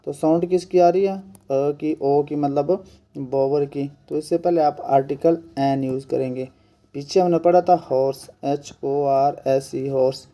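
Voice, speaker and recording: Guy teaching grammar for an exam, very mellow dark tone, a bit higher pitch, asks and answers his own questions. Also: steady tone. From India. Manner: repeats each point slowly. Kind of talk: exam-prep grammar lesson.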